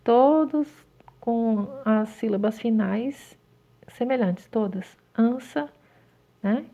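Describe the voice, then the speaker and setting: A woman teacher with a Brazilian Portuguese accent, slowly talking children through a textbook exercise and spelling words out one by one. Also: fairly high pitch, warm tone. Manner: slow, drawn-out word by word dictation. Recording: tinny phone-like recording.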